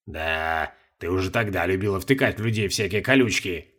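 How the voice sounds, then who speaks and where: A male narrator voicing a gruff, proud male court mage who grumbles in a low, booming way. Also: normal speed, a bit bright. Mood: grumbling. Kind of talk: audiobook character voice.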